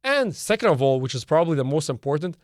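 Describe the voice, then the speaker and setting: A man's voice: a little high, big pitch swings, fast talker, no echo, clean studio sound. Emphatic man hosting a solo podcast. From Canada. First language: Serbian. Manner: emphatic, repetitive, lists points by number. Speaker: podcast host. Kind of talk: opinionated solo podcast monologue.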